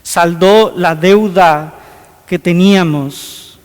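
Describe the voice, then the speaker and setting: A man's voice: high voice, very slow. A man preaching a homily as a priest, earnest, with many rhetorical questions. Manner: earnest, rhetorical questions, acts out scripture scenes. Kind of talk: sermon. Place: church. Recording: long hall reverb.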